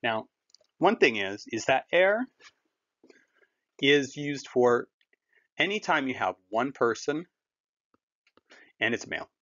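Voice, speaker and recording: A man walks learners through a German lesson in a patient, conversational way. His pitch rises and falls animatedly, and the recording sounds dull and lo-fi. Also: big pitch swings, slow pace, pauses often, fairly bright tone. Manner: patient, conversational, explains with everyday comparisons. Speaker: German teacher. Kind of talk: classroom language lesson.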